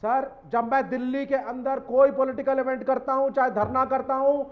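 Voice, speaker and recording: A man's voice: extremely high pitch, fairly even intonation, moderate pace, phone-quality sound. A man on a TV news debate panel, combative and talking over the others. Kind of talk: heated TV debate.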